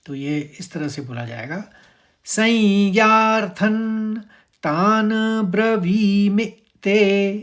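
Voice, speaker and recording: A man teaching how to pronounce a Sanskrit verse, patiently breaking words into syllables and chanting the lines louder and drawn out. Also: on the high side. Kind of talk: verse pronunciation lesson.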